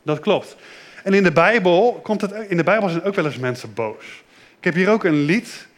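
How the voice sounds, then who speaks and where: A man giving a children's sermon in a simple, gentle way, asking the children questions and repeating their answers. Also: sits high, lively intonation, moderate pace. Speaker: children's pastor.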